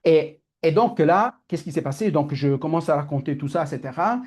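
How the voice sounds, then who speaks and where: Italian-accented guy rambling fast through a personal story, keeps correcting himself, mellow warm voice. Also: a little high. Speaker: personal growth teacher. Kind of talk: candid storytelling talk.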